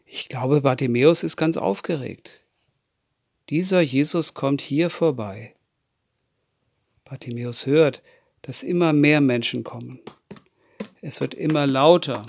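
A man with a medium-pitched voice and some vocal fry tells children a Bible story at an unhurried, deliberate pace. He pauses often to ask his young listeners questions, and the recording is dry with no room sound.

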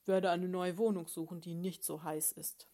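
A woman reading aloud, voicing a grumpy, indignant male bear father in a children's story, complaining loudly. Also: medium pitch, expressive, normal speed, close to an everyday voice.

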